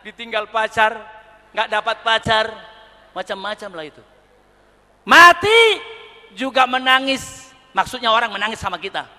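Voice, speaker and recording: High, bright preacher in an echoing arena. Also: male voice, fairly even intonation, a little fast. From Indonesia. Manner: storytelling, acts out voices, swings from quiet to shouting. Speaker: pastor. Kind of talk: sermon. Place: large indoor arena. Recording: reverberant arena hall.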